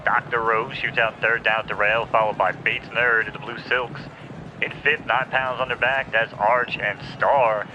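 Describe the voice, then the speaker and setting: Fast excitable male race caller. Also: mid-range voice. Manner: rapid excitable race-call delivery, then sheepish chatter. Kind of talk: live virtual horse race call. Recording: dull lo-fi sound with clear background noise.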